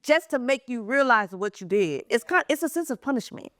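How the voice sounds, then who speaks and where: A woman co-hosting a podcast in casual chat, animated, acting out quoted exchanges and laughing often. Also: a little high, fairly quick, no room sound, clean studio sound. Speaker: podcast co-host.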